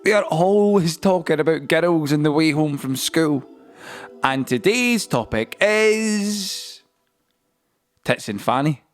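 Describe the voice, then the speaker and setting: Over a musical score, a man narrates a scripted audio play as a storyteller, using deliberate phrasing and dramatic pauses. His voice is a little high and expressive.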